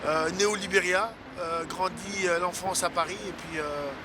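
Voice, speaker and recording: Higher-voiced man over street traffic. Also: steady tone, moderate pace. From West Africa. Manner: earnest, hesitant with many fillers. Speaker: interviewee. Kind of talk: documentary interview. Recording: clear street noise behind.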